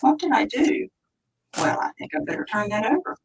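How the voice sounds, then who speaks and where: A woman's voice: sits high, animated, fairly quick, slight background noise, low-quality recording. A woman hosting a live craft tutorial, chatting and thinking aloud as she stamps, now and then dropping to a near whisper while her hands are busy. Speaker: stamping demonstrator.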